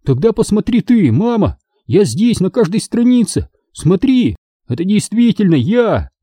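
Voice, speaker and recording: A man voicing an eager, insistent young boy who shouts and pleads in a high voice. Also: sing-song, unhurried, breathy edge, no room sound, clean studio sound, full character voice. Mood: excited.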